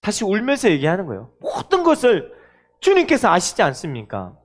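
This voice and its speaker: Animated male pastor preaching. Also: high-pitched, a little fast. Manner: animated preaching, acting out quoted dialogue. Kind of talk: sermon.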